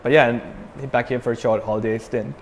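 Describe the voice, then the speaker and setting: A young Sri Lankan man who fronts a metal band chats casually as an interview guest, relaxed and full of fillers and restarts. His mid-range voice runs a little fast, with a long reverb tail and a little hiss or hum.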